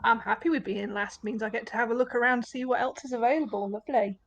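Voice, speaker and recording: A woman's voice: a little high, steady tone, fast talker, lo-fi sound. A woman chatting casually as a player in a tabletop role-playing game.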